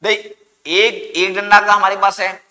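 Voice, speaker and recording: A man's voice: high voice, level tone, a little slow, sharp tone. A man teaching an exam-prep grammar lesson, asking his students questions and answering them himself, dramatically stretching words for emphasis. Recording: long echoing reverb.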